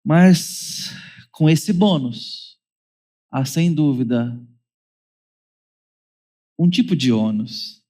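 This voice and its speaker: A man's voice: on the high side, expressive, drawn-out words, long pauses, warm tone. A man with a Brazilian Portuguese accent preaching a sermon as pastor, with wry humor and playful asides. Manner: wry humor, mimics children's whining voices.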